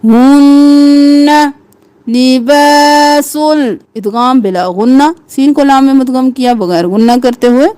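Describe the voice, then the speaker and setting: A woman teaches tajweed, chanting verses slowly and at length, then dropping her voice lower to explain the rules quickly. Her tone is mellow and there is no echo.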